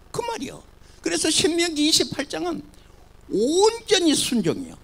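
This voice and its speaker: Animated, gravelly-voiced Korean pastor preaching. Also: male voice, very high voice. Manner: animated preaching, swinging from loud cries to soft murmurs. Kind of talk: sermon.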